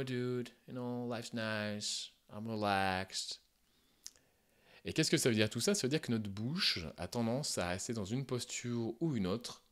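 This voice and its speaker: A man giving a casual spoken lesson, thinking aloud with small hesitations and demonstrating vowel sounds as he explains. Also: lowish voice. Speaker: English teacher.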